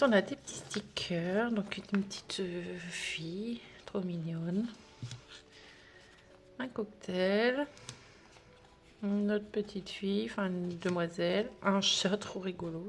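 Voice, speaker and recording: Chatty woman unboxing with soft asides. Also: mid-range voice. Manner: chatty, gushing, many fillers, drops to soft whispers. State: tired, trembling hands. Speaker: budgeting vlogger. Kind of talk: casual unboxing chat.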